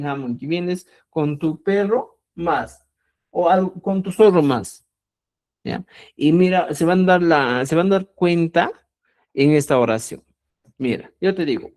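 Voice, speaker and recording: A woman teaching Quechua grammar in a lesson, speaking slowly and deliberately, repeating key words and often checking that listeners follow. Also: low-pitched, a little mellow. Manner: addresses listeners as "estimados amigos". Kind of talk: explanatory online language lesson.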